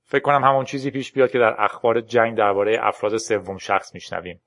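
A man reading a storybook's lines for a tense young woman programmer who urges a friend to flee, in an urgent, hurried manner. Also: on the low side, steady tone, fairly bright tone. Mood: earnest.

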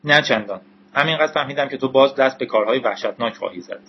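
A man reading as a quiet, hesitant young woman. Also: medium pitch, vocal fry, breathy edge, muffled recording. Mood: wry. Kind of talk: audiobook character reading.

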